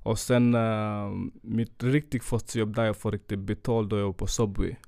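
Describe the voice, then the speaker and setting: A man's voice: on the low side, flat delivery, creaky, darkish tone, no echo, clean studio sound. A young man from Gambia, not a native Swedish speaker, telling his story in a casual podcast and mixing English phrases into his Swedish, with frequent restarts. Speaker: guest, clothing brand founder.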